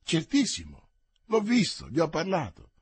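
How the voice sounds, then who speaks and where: A man's voice: fairly high pitch, huge pitch swings, moderate pace, slightly rough, no room sound, voice pushed up, heavily acted. A man doing a wary, plaintive servant. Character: cautious, sly male servant, plaintive.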